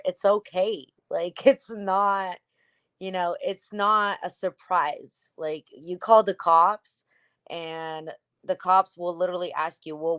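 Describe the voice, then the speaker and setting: Young woman from Ukraine, podcast guest, slow relaxed delivery, dry close sound. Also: on the low side, no room sound. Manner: relaxed, unhurried storytelling with fillers. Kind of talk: casual interview chat.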